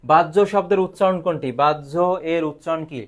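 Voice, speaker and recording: A man leads a live online grammar class. His voice sits a touch high, and he keeps asking the students questions and then answering them himself. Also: fairly quick, fairly bright tone.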